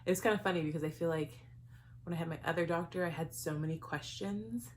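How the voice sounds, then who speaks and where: A woman's voice: sits low, fast talker, slight background noise. A young woman chatting casually in a vlog, a bit out of breath, giggling and saying um often. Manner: chatty, giggly, with many ums. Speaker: vlogger.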